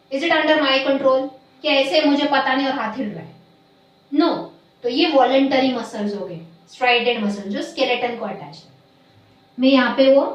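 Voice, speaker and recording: Woman teacher, high voice, slow and deliberate, drilling students, very echoey room far from mic. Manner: slow, deliberate stressing of key terms, quizzing students. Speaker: biology teacher. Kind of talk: classroom lecture mixing Hindi and English.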